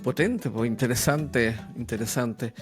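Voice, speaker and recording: A man hosting an interview, asking relaxed questions and affirming his guest. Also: medium pitch, unhurried, faint music behind. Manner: relaxed, affirming with short replies. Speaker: podcast host. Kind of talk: conversational interview.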